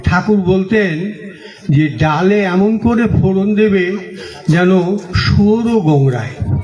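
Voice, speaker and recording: A man with a Bengali accent giving a sermon as a monk, asking the audience questions and answering them himself, telling stories with gentle humor. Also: high-pitched. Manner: unhurried storytelling with gentle humor. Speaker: monk giving a religious talk. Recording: echoey, dull lo-fi recording.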